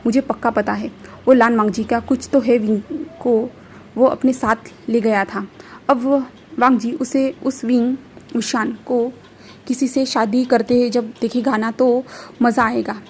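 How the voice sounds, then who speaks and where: A woman's voice: a little high, fairly even intonation, a little slow, darkish tone, a little hiss or hum. A woman reading the part of a scheming, domineering father who scolds his son, in a fan story. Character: scheming domineering older father, a clan leader.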